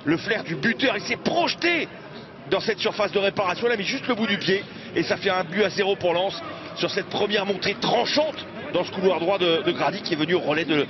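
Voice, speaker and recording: A man giving excited live football commentary, exclaiming and stretching out key words as play unfolds. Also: high-pitched, brisk, background noise. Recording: dull lo-fi broadcast over loud crowd. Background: loud stadium crowd.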